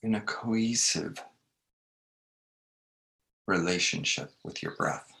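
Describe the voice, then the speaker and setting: Guy doing a guided meditation, really low voice, super slow n gentle, lots of long pauses. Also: gravelly. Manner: gentle, unhurried, with long pauses between short phrases.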